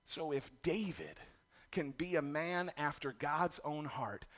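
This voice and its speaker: His voice hoarse from yelling, a middle-aged man delivers a sermon as pastor, openly poking fun at himself over his family struggles. He speaks slowly, a little high, with lively intonation.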